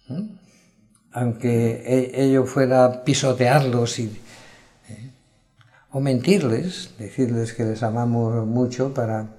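A man's voice: mid-range voice, dark tone. A man preaching a sermon in an earnest, reflective way, often checking in with his listeners. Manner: earnest, reflective, frequent "¿verdad?" asides.

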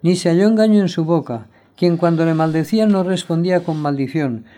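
Preacher, male, higher-pitched, mellow voice, reads scripture with rising intensity. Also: fairly quick. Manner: reads scripture aloud, swelling louder on quoted cries. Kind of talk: sermon with scripture reading.

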